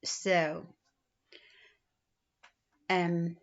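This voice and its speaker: A woman in her thirties from the Philippines, speaking with a Filipino accent, introducing herself in a halting way with many pauses and restarts. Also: on the low side, little pitch movement. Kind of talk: self-introduction video. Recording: dull lo-fi recording.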